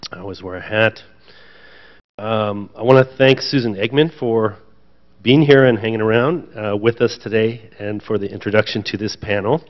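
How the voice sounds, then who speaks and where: A man speaking as a panel speaker at a conference, chatty, with light self-deprecating jokes. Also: fairly low pitch. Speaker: panel speaker, association president. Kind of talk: conference remarks. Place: conference room with audience. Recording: dull lo-fi event audio.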